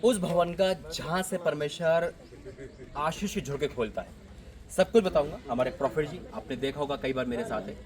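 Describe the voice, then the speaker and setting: A male pastor preaches loudly in the open air at a church construction site, with no microphone. His voice sits a little high, and he pronounces blessings over the listeners with fervor. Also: normal speed. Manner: speaks loudly without a microphone; fervent, declaring blessings. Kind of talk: fundraising sermon. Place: outdoors at a church building site.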